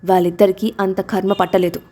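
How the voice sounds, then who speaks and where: A woman's voice: medium pitch, level tone, fairly quick, warm tone, natural voice. A woman voicing a commanding, protective father who speaks in stern warnings in a storybook reading.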